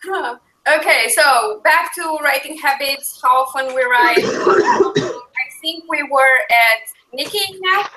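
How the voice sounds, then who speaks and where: A woman hosts a casual livestream chat in a high, bright voice. She is upbeat, laughs easily and keeps the talk moving. Her voice sounds echoey, as if in a bare room on a video call. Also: lively intonation, slow, slight background noise. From Romania. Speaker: livestream host.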